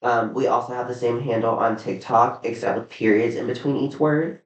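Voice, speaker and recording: A man's voice: medium pitch, fairly even intonation, normal speed. A man co-hosting a podcast in casual chat, gushing, swearing freely and drawing words out. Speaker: podcast co-host. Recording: roomy, distant, dull sound.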